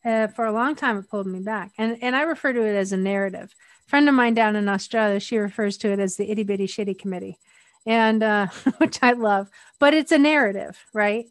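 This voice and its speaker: A woman's voice: mid-range voice, brisk, dry recording. A middle-aged woman, a guest on a podcast interview, speaking candidly and laughing often.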